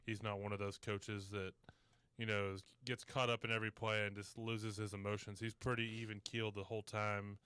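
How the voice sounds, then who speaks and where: Man, sports co-host, low flat voice, smooth, dry, matter-of-fact. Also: fairly quick, no room sound. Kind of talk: sports talk analysis.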